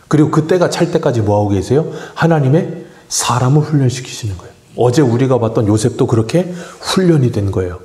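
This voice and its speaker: In an echoey church sanctuary, a pastor preaches a morning sermon in a mellow, mid-range voice. He puts questions to the congregation and then answers them himself.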